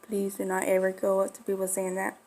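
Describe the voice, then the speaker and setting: Her voice is medium-pitched, completely flat and a little mellow, and she talks fairly quickly. She is a Florida vlogger who breeds bulldogs, a woman whose first language was Spanish and who carries a slight Mexican Spanish accent, confiding a personal story in a rambling style crammed with fillers.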